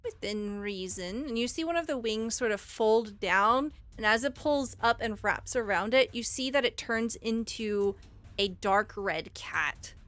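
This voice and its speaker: A woman's voice: on the high side, unhurried, a bit bright. A woman narrating a tabletop roleplaying game as game master, with descriptive, suspenseful storytelling.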